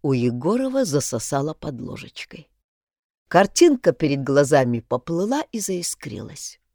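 Brief: woman narrator, very lively pitch, dry close sound, expressive storybook reading. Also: moderate pace, no room sound. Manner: expressive, performs all the voices.

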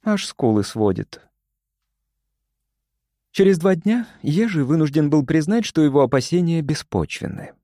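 Expressive male audiobook narrator. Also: medium pitch, no room sound, studio quality. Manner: expressive, measured storytelling. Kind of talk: scripted narration.

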